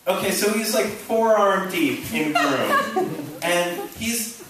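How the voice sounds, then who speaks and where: A young man doing a halting, rambling stand-up set, full of ums and self-interruptions, on a small theater stage. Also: high voice, animated, noisy background. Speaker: stand-up comedian. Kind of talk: open-mic stand-up set. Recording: echoey room recording from a distant camera.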